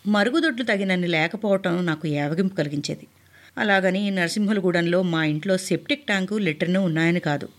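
A woman's voice: on the low side, brisk. A woman narrating a first-person memoir in an earnest, heartfelt storytelling manner. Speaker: audiobook narrator.

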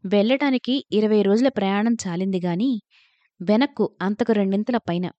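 A woman narrating a literary story in a measured, reflective reading. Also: mid-range voice, no echo, soft background music. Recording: dull lo-fi, dry recording.

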